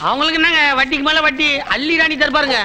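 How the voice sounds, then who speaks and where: A man's voice: very high-pitched, fairly even intonation, fast, pushed and bright, a little hiss or hum. A man acting in a Tamil film comedy scene, cheeky and wisecracking.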